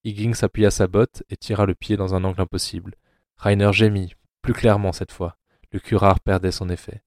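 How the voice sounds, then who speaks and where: A man narrating an audio drama in a grave, measured way. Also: low-pitched, little pitch movement, a little mellow, no room sound, clean studio sound.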